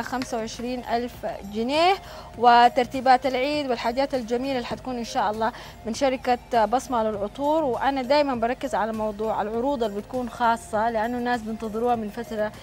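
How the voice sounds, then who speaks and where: A woman's voice: a little high, steady tone, quick pace, soft background music. A woman with a Sudanese Arabic accent presenting a live TV show in a chatty, congratulatory way. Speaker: TV show host and prize draw presenter. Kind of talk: live TV presenting, reading messages and announcing prizes. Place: TV studio, standing.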